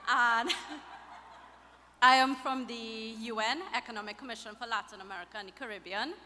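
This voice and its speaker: Bright-voiced woman giving a wedding toast. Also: a little high, fairly even intonation, moderate pace, slight background noise. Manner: chatty, laughs between phrases. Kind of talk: casual wedding speech. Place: wedding reception hall. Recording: reverberant hall with faint ambience.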